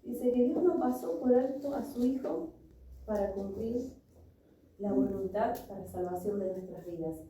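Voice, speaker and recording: A woman's voice: mid-range voice, measured pace, warm tone, a little hiss or hum. A woman preaching a sermon, earnestly telling a personal story and reading scripture. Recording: echoey room, voice from a distance.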